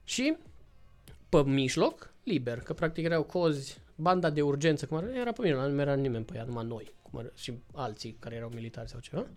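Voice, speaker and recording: A man's voice: mid-range voice, faint music behind. A man casually telling a long travel story, acting out other people's lines. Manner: lively storytelling, acts out voices in quotes. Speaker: podcast guest.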